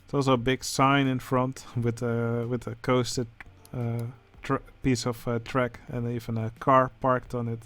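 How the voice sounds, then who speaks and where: Man, Dutch accent, casual game commentary, hesitant, flat intonation. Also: medium pitch, unhurried, few pauses. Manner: hesitant, many filler sounds. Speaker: channel host judging a building contest.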